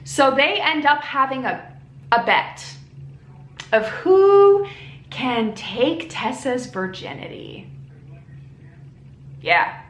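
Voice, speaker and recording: A tipsy woman with a fairly high voice recaps a story in a loose, casual ramble. She takes her time and leans hard on dramatic reactions. The room is echoey, with some noise behind her. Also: very slow, pauses often. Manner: animated, acts out characters' reactions with exaggerated emphasis. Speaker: book reviewer. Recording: roomy echo with background noise.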